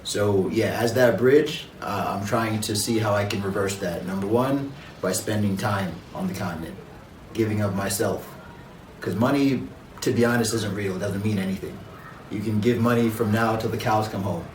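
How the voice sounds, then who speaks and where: Low-voiced reflective man, distant and echoey. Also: slight background noise. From Jamaica. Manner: reflective, measured, with frequent um and uh. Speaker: interview guest. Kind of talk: conversational interview.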